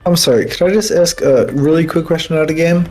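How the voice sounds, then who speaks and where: A man's voice: fairly high pitch, fast, a little mellow, soft background music. A man playing in a tabletop game, bantering in a jokey, mock-offended way. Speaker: player. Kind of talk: casual tabletop game chat.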